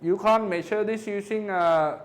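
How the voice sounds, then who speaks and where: A physics tutor with a high, light voice goes over exam questions out loud. He works through each figure step by step. He keeps checking that his class follows with quick tag questions. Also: fairly even intonation. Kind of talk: exam question review lesson.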